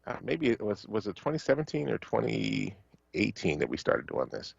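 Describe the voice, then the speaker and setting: A very low-voiced man from Philadelphia talks on a radio show in a relaxed, halting way, full of "uh" and "um". The sound is dull and dry, like a close studio microphone. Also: creaky, husky, no room sound. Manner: halting, many fillers, warm thanks. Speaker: radio co-host. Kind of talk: casual radio talk.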